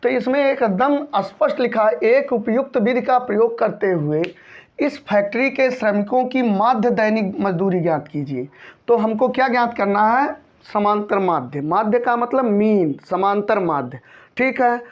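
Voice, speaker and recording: A man's voice: high-pitched, animated, normal speed. A man teaching a maths lesson, patiently going over each step and often checking in with his students. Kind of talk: maths lesson explaining a textbook problem. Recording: dull lo-fi recording.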